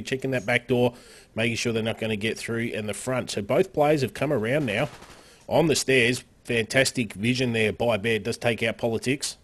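A man casting a live online game match, upbeat play-by-play with frequent fillers and sudden excited rises. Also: medium pitch. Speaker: esports caster.

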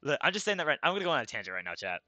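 Bright-voiced excitable male streamer. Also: medium pitch, very fast, no room sound, highs cut off. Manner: excitable, swears, yells mid-game. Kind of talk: casual gaming chat.

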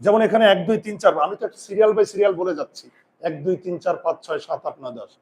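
A male grammar teacher giving a lesson, repeating key terms slowly, counting aloud and telling students to write things down. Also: high voice, animated, darkish tone. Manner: counts aloud and asks rhetorical check questions. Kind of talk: classroom-style grammar lesson.

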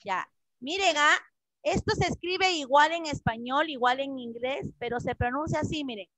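A woman English teacher leading an online class for children, patiently repeating words slowly over a video call. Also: sits high, fairly bright tone, dry recording, poor audio.

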